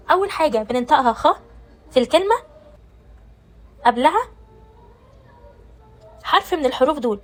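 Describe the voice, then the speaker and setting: A woman's voice: sits high, rough recording. A woman with an Egyptian Arabic accent teaching German pronunciation, explaining step by step and answering her own questions. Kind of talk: pronunciation lesson.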